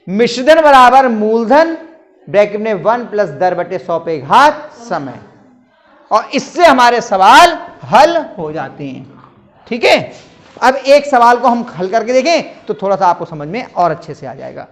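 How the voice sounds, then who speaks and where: A man's voice: high-pitched, sing-song, a little slow. A man teaching a classroom maths lesson, patiently quizzing his students.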